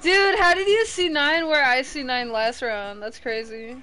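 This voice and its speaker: A woman's voice: sits high, measured pace, bright, forceful tone. A woman chatting casually with friends while playing an online game, laid-back and swearing easily. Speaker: player. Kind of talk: casual gaming chat.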